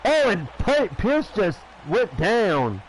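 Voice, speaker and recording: A man doing play-by-play as a wrestling commentator, halting and often repeating himself. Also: sits high, sing-song, rough recording. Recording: clear background noise.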